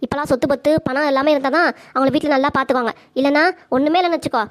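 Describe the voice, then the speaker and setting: A woman voicing a sharp-tongued, bossy young wife in a cartoon comedy, nagging and giving orders. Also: high voice, fairly even intonation, rapid-fire, a little hiss or hum, lightly acted.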